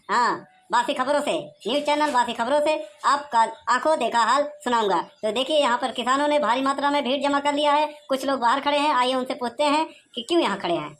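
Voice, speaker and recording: Woman doing a cartoon news reporter guy, high voice, formal tv patter, pushy. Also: fairly bright tone.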